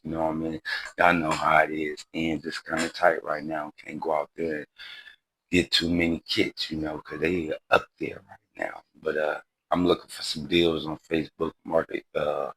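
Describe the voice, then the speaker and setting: Very deep laid-back man in his forties. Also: a bit bright, husky, low-quality recording. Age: 40s. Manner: laid-back, rambling, says "y'all" and "you know what I mean" often. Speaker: model car channel host. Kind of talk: casual chat to viewers.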